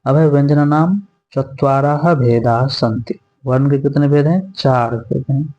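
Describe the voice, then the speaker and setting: A man's voice: medium pitch, unhurried, darkish tone. A man teaching a grammar lesson, patiently repeating each point and putting questions to his students. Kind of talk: classroom lesson explaining grammar. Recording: dull lo-fi sound.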